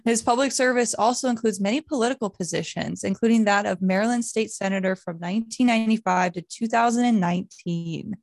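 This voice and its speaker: A woman's voice: mid-range voice, fairly quick, creaky, hardly any pauses, darkish tone, dry recording. A woman co-hosting a podcast, introducing and interviewing a guest. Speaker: podcast co-host.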